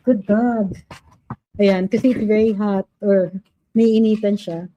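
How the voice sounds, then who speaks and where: A woman's voice: mid-range voice, fairly even intonation, a little slow, warm tone, highs cut off, a little hiss or hum. A woman with a Filipino accent hosting a casual livestream, reading viewer comments aloud and chatting between Filipino and English. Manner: switches between Filipino and English, coos at her dog. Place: home room with a fan.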